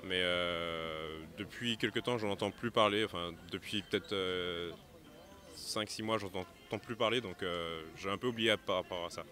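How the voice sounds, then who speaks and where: Young passerby, deep yet bright voice, halting answers. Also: male voice. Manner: hesitant, full of fillers. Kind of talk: street interview. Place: outdoors on a city square. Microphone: handheld mic held by interviewer.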